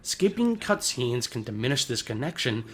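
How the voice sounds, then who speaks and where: Reading from a script for a video essay, this male narrator explains every point in complete sentences with a polished, formal delivery. His medium-pitched voice is very animated and fairly bright, at a normal speed.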